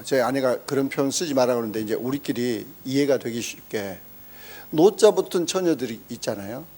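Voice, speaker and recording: A man preaching a sermon, telling a story with animated exclamations and acting out quoted speech. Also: a little high. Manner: emphatic exclamations. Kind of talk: sermon testimony.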